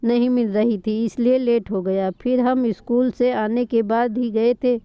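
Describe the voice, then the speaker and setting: A woman's voice: a little high, steady tone, unhurried, clear, resonant tone, no room sound, lightly acted. A woman reading the part of a playful, cheeky teenage younger sister in a family story. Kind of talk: storytelling read-aloud. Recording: dull lo-fi recording.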